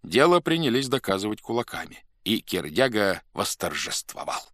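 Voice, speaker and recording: A man narrating a classic story in an expressive, theatrical reading. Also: lowish voice, normal speed, no echo, clean studio sound. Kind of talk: scripted audiobook narration.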